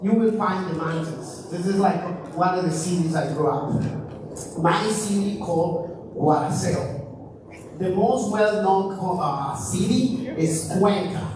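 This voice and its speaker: A man's voice: sits high, slow, noisy background. A young man from Ecuador with an Ecuadorian Spanish accent, talking casually to a school audience and asking them questions. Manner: chatty, asks the audience questions. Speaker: presenter. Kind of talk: casual talk. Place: school auditorium. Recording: very echoey hall, mic far off.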